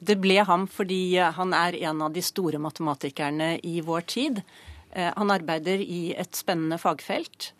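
A woman's voice: lowish voice, no room sound. A woman professor chairing a prize committee, explaining her field in a studio news interview with frequent hesitations and fillers.

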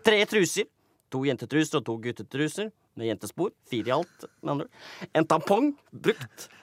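Male comedy host, higher register, over-the-top documentary narrator, dry close studio sound. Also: sing-song, no room sound. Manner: theatrical, swings between booming and hushed. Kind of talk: mock-dramatic documentary narration.

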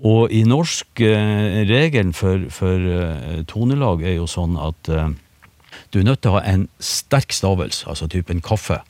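A low-voiced man talks through speech sounds in an unhurried, explanatory way, often pausing on fillers and restarting phrases. The studio sound is close and dry. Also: no echo. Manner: relaxed, hesitant, many fillers and restarts. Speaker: phonetics expert. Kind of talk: explanatory radio conversation. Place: radio studio.

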